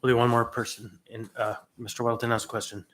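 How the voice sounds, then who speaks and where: A man chairing a public meeting, brisk and procedural as he calls up speakers. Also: medium pitch, little pitch movement, heavy background noise.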